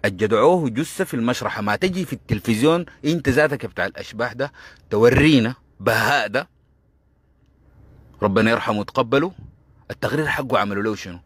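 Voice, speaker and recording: A man's voice: mid-range voice, fast, fairly bright tone, husky, no room sound. A man with a Sudanese Arabic accent giving a heated political commentary monologue, combative and sarcastic, hammering points by repeating them.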